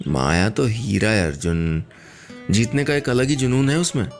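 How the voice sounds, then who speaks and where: A man voicing a gentle young woman. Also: fairly low pitch, expressive, normal speed, soft background music. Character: young married woman, gentle, emotional friend.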